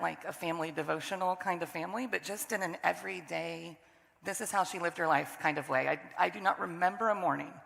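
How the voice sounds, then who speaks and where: A middle-aged woman with a hoarse, still-recovering voice, giving a conversational sermon as guest preacher, candid and self-deprecating. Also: fairly low pitch, fairly bright tone. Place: church sanctuary. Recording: long church hall reverb.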